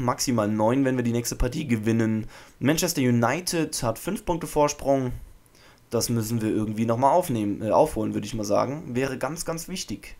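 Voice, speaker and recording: A young man hosting a football video game let's play, chatting casually and shouting player names when play gets exciting, recorded on a desk microphone at home. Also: medium pitch. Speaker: gaming channel host. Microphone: USB podcast microphone.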